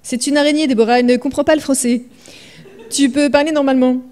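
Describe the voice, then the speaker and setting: A man's voice: very high-pitched, fairly even intonation, fast talker, darkish tone. A woman reading aloud, voicing an insistent, patient young man who teases a frightened friend. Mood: patiently teasing.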